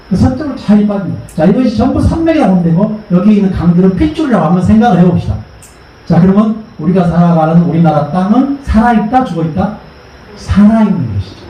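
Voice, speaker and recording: Animated lecturing man in an echoey hall. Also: high-pitched, slight background noise. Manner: asks the audience questions and has them repeat terms. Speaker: history lecturer. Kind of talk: public lecture to an audience. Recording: echoey hall recorded from far off.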